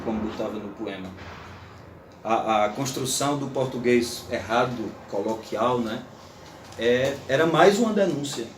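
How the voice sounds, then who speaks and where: Animated man lecturing. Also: medium pitch, roomy sound, distant mic, slight background noise. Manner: animated, playful, recites verse aloud. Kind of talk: informal lecture to an audience.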